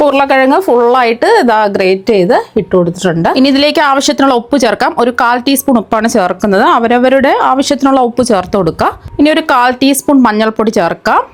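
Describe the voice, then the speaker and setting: A woman hosting a cooking channel, explaining a recipe step by step in a steady voice-over. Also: fairly high pitch, quick pace.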